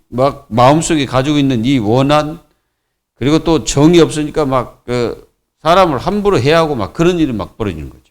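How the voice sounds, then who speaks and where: Man, pastor, preaching, raised pitch, very lively intonation, filler-heavy. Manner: colloquial preaching with many fillers and repetitions. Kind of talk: sermon. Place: church.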